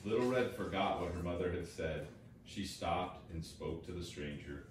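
A man narrating a children's fairy tale play with expressive storytelling. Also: low-pitched, moderate pace. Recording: distant, echoey, noisy home recording.

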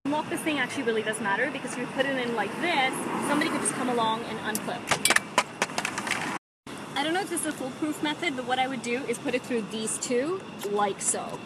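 A woman's voice: high-pitched, fast. A young woman, a social media editor, chattily explaining step by step as she films herself on her phone outdoors in the city. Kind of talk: casual phone-filmed walkthrough. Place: outdoors on a busy city street. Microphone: phone at arm's length. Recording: loud street noise around phone audio. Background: traffic and city street noise.

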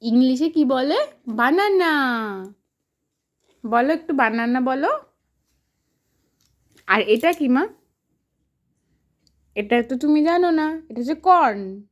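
A mother's high, swooping voice coaxes her toddler through picture words. She talks slowly and patiently, asking sing-song questions and heaping on praise. It is a casual home video. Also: expressive.

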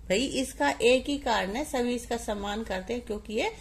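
A woman's voice: moderate pace, slightly rough. A young woman teaching a children's Hindi lesson, patiently coaxing and asking questions, then answering them herself. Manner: mimics the cuckoo's call in a high voice.

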